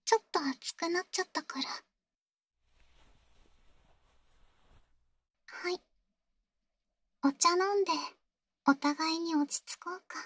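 A woman playing an insecure young girlfriend in an ASMR role-play, halting and pleading, with a sweet, eerily obsessive manner. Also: very high-pitched, fairly even intonation, fairly bright tone. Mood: quietly scheming. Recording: close, dry ASMR audio.

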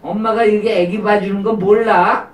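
A woman voicing a caring mother puppet who talks fondly and gently scolds in a children's puppet show. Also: mid-range voice, steady tone, moderate pace, voice pushed up, natural voice. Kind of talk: live puppet show for preschoolers. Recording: roomy, distant live room recording.

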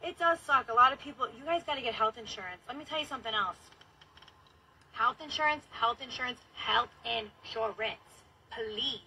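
A woman in her thirties livestreams from inside a car, chatting casually and bluntly with lots of swearing. Her voice is a little high, bright and forceful, at a normal speed. The audio is poor, recorded on a phone held at arm's length with car-interior noise.

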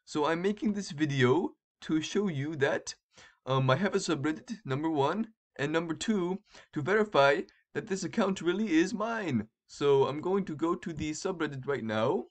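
A man vlogging to his viewers in an excited, chatty way, with a just-woken-up morning voice. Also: on the high side, moderate pace. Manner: excited, addresses viewers as guys. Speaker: YouTuber. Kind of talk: casual vlog narration while typing.

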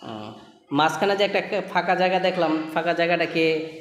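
A man's voice: fairly high pitch, brisk, a bit bright, a little hiss or hum. Probing male interviewer, echoey and roomy. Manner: probing, repeats answers back as questions. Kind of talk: casual field interview.

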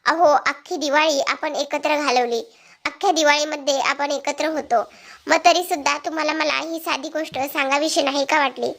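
Angry young husband, read by a woman, reproachful, high voice. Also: steady tone, moderate pace, vocal fry, fairly bright tone. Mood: hurt. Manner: reproachful, bitter.

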